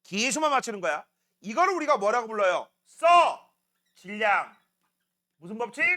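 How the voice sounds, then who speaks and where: A man teaching a science class, quizzing students by name with quick questions in a casual, teasing way. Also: high voice, big pitch swings, pushed and bright. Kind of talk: classroom lecture.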